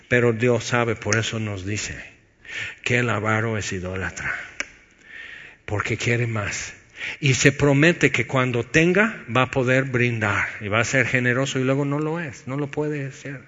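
Preacher in a reverberant hall. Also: male voice, a little slow. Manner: swings between loud urging and hushed, low-voiced emphasis. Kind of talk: sermon. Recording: dull sound with long hall reverb.

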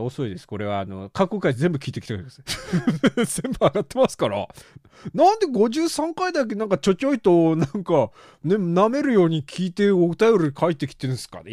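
A man's voice: medium pitch, no echo, clean studio sound. A man hosting a solo podcast from a small room, reading listener letters and riffing on them with self-mocking humor and frequent laughter. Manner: animated, self-mocking, laughs often at his own jokes.

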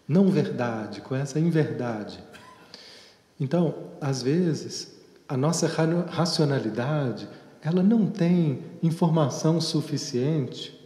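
A man speaks as a psychotherapist in a slow, reflective storytelling way. His voice sits a little high but sounds mellow and soft-edged. It rings out through a large echoey hall with a long reverb tail. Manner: unhurried, storytelling, drawn-out pauses. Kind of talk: reflective talk on therapy and leadership.

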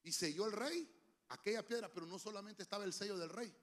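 A man preaching a sermon, emphatic and humorous, with sudden shouts, into a handheld microphone. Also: sits high, quick pace. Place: church.

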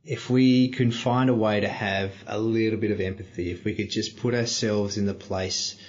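A man, a podcast guest, telling stories and reflecting thoughtfully, often pausing to search for words. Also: on the low side, steady tone, a little mellow, highs cut off. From Australia. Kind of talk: reflective storytelling.

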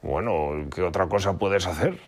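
Un hombre narrador que da voz a un lobo macho práctico y directo, de tono fuerte. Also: male voice, low-pitched, moderate pace. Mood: blunt. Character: blunt practical male wolf.

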